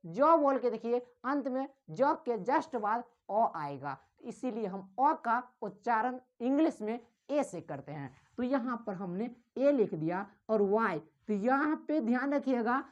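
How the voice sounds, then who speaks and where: A woman's voice: on the high side, lo-fi sound. A woman teacher explains spelling step by step, calls the viewer "sir" and repeats each sound over and over. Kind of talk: slow classroom explanation, repeating drills.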